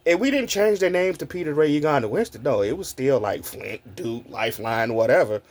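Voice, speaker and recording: A content creator in his forties shares childhood stories in a casual, lively vlog, speaking straight to his viewers. He laughs often and swears freely, with a mid-range voice and a brisk pace.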